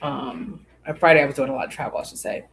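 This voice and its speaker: A woman's voice: a bass voice, fairly even intonation, quick pace, gravelly, slight background noise. A podcast host, a woman, telling a personal story in a rambling way, with many fillers and acted-out bits of dialogue.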